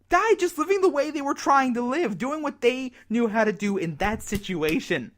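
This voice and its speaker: In a very high voice, an actor voices a radio announcer broadcasting during a zombie apocalypse drama. The character is bitter and despairing, and his monologue comes out halting, sardonic and full of self-blame.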